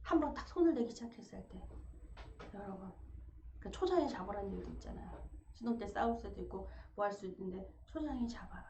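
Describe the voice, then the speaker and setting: A woman preaching a sermon, animated, acting out quoted quarrels with sharp rises in her voice. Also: mid-range voice, quick pace. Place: church sanctuary. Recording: echoey church room, dull sound, faint noise.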